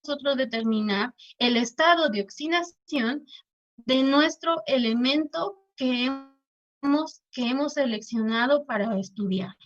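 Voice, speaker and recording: A woman professor giving an online lecture, halting with many restarts, her audio choppy and robotic from a bad connection. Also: high voice. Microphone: computer mic on a video call. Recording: dull lo-fi online call audio.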